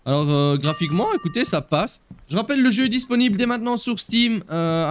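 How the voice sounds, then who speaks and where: Playful French-speaking gaming host. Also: male voice, high-pitched, slight background noise. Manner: playful, joking, lively. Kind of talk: let's play commentary.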